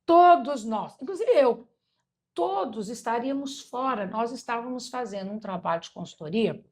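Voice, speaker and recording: Woman, from Brazil, podcast host, fairly high voice, animated excited storytelling. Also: normal speed. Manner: animated, excited storytelling with lively quoted dialogue. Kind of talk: storytelling in a conversational interview. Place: guest's home.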